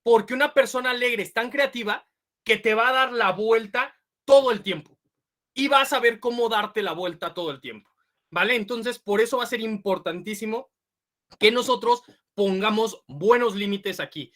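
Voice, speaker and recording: A woman delivers a lecture to parents. Her voice is bright and forward. She explains step by step, asks the room short questions, and acts out little quoted voices as examples. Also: a little high, normal speed. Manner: explanatory, checks in with "ok?" and "vale?". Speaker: speaker giving a parenting talk.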